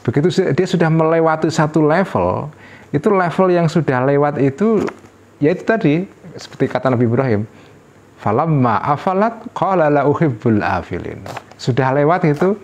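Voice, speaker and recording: A middle-aged man teaching a classical religious text in a relaxed study-circle lecture, thinking aloud with rhetorical questions and short tag words, and lifting his voice sharply when he quotes an exclamation. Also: fairly high pitch, normal speed.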